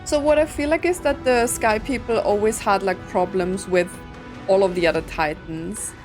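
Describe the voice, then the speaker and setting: Over game music, a woman gaming streamer with a medium-pitched voice gives casual commentary at a normal pace, thinking aloud in a musing, hesitant way.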